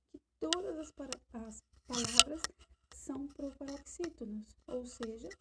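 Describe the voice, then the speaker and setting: A woman's voice: a little high, heavy background noise. A woman with a Brazilian Portuguese accent teaching a remote lesson to primary school children, explaining step by step and asking questions.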